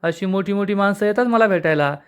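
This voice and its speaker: A man's voice: sits high, a little fast, fairly bright tone, clean tone, pitched above the performer's own voice. A man voicing a boastful, scheming male crook in jail while retelling a TV serial episode, in a taunting, mocking manner.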